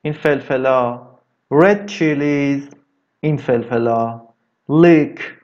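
A man teaching English vocabulary in a casual lesson, drawing words out slowly and adding chatty asides. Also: medium pitch, darkish tone, muffled recording. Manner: slow, drawn-out repetition of words, chatty asides.

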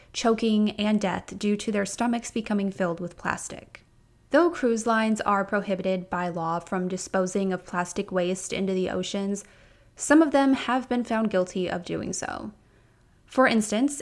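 A woman hosting a podcast, reading a prepared script with a few casual asides of her own. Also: medium pitch. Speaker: podcast host.

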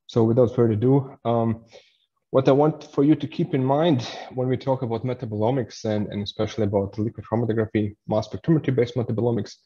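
A man's voice: lowish voice, mellow, muffled recording. A man in his thirties from Latvia, giving a science lecture in a webinar, hesitant with fillers and restarts. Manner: hesitant, many fillers and restarts while explaining.

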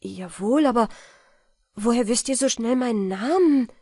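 A woman's voice: mid-range voice, normal speed, darkish tone, no room sound, studio quality, natural voice. A woman voicing a modest, noble-minded young man who speaks formally and politely. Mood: eager. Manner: formal, polite, old-fashioned speech.

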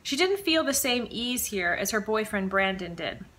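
A woman author reading her own mystery novel aloud with measured, expressive storytelling. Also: medium pitch, low-quality recording. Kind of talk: audiobook-style reading of fiction.

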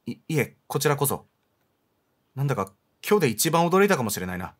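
A man reading aloud the lines of a kind, polite young man in a horror game, calm and subdued. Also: mid-range voice, brisk. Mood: gentle.

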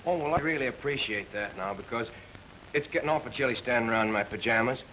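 An actor playing a flustered, mild-mannered young husband in 1940s screwball comedy banter, stammering and fussily polite, on an old film soundtrack. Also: male voice, mid-range voice, fast talker, pushed and bright, a little hiss or hum, lightly acted, low-quality recording. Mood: polite, puzzled.

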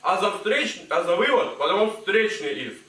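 Schoolboy playing a calm businesslike lawyer, slightly high voice, distant and echoey stage sound. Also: male voice, moderate pace, background noise. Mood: soothing. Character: smooth small-town lawyer, businesslike. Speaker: student actor. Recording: echoey hall, mic far off.

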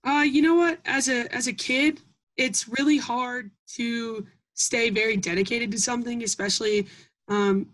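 A young woman from Iowa, a Gold Award scout, answers interview questions about her project in a slightly high, fairly bright voice with fairly even intonation at normal speed. She talks earnestly with many ums and restarts, and the recording is rough.

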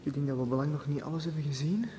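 A Flemish man with a fairly high voice narrates his walk through a derelict factory, keeping his voice low and often slipping into a whisper. The handheld camera mic picks up a steady noisy hiss under his words, and the vast empty halls carry his voice. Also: racing. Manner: hushed, often drops to a whisper while exploring. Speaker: urban explorer vlogger. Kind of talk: handheld exploration vlog narration. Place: abandoned factory, large empty halls indoors.

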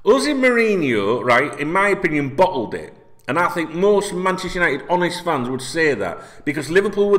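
Sitting in a red chair in a small indoor room, a sweary Yorkshire football vlogger from North Yorkshire, England, rants his opinions to camera. His voice is on the high side, and he's blunt and animated, constantly asking "right?"

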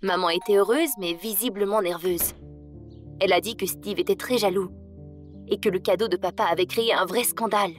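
A woman's voice: mid-range voice, fairly quick, soft background music. A woman narrating a first-person story in an emotional, dramatic way. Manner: dramatic, emotional delivery that rises in tense moments.

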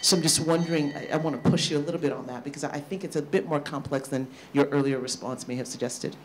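A mid-pitched speaker presses a probing point at a roundtable in articulate, well-formed sentences. A light hiss sits behind the voice. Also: quick pace. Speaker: discussant. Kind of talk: roundtable discussion. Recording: faint background noise.

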